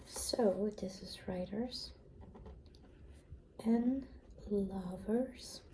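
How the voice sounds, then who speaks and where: A soft-spoken woman in an ASMR role-play as a librarian, often dropping into a library soft voice and explaining things step by step. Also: mid-range voice, fairly even intonation, takes it slowly, slight background noise, low-quality recording. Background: keyboard typing and clicks.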